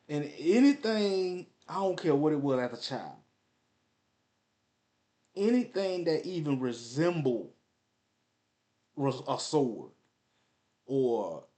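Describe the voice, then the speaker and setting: A man in his forties telling nostalgic stories in a loose, rambling way. He uses lots of slang and filler, circles back on his own sentences, and keeps his pitch in a middle range for a man. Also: darkish tone. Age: 40s. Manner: rambling, slangy, repeats himself. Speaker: vlogger. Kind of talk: casual nostalgic storytelling.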